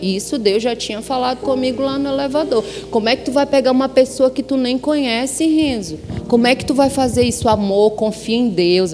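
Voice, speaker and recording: A Brazilian woman giving a sermon testimony, telling her story with lively acted-out dialogue. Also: on the high side. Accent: Brazilian Portuguese. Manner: animated storytelling, acting out dialogue. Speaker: pastor's wife preaching. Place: church hall with worship music behind. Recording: long hall reverb, music underneath.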